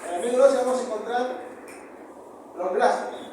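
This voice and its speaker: Peruvian male professor, high-pitched, repeats terms and quizzes the class; distant, reverberant classroom audio. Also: brisk, darkish tone. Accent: Peruvian Spanish. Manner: repeats key terms, asks the class rhetorical questions. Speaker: histology professor. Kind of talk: university lecture. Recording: very echoey room, far from mic, noisy.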